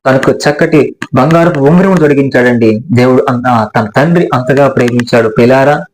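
A man's voice: mid-range voice, normal speed, a little hiss or hum, rough recording. A male pastor preaching a sermon, addressing his listeners with repeated appeals and rhetorical questions.

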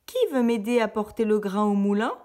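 Woman putting on a high little red hen. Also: steady tone, fairly quick, close to an everyday voice. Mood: determined. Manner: high, bright, emphatic exclamations. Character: busy, hardworking little red hen, female. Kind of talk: storybook reading.

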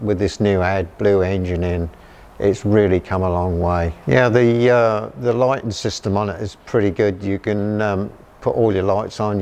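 A man's voice: on the low side, a little mellow. An older man who operates farm sprayers, talking plainly and enthusiastically about his machine in a filmed customer testimonial, often repeating a word as he goes. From England. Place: large farm machinery shed.

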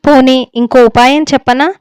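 A woman's voice: high voice, steady tone, moderate pace, darkish tone, clear, resonant tone, no room sound, natural voice. A woman reading the lines of an anxious older mother who pleads with her husband for her son. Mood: pleading. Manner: pleading, tearful. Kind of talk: story reading.

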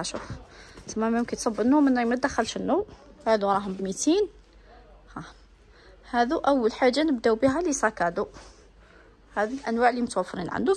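Holding her phone as she films, an Algerian woman shows off a bag shop's stock, gushing over the bags and eagerly listing prices. She has an Algerian Arabic accent and a fairly high voice, with a little hiss or hum in the audio.

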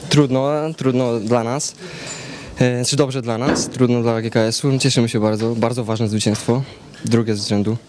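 A young man in his twenties, a football player giving a halting post-match interview full of fillers and repeats, into reporters' handheld mics. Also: mid-range voice, fairly even intonation. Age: 20s. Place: noisy hallway by sponsor backdrop after a match. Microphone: several reporters' handheld mics held close. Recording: loud crowd noise behind. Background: loud crowd chatter.

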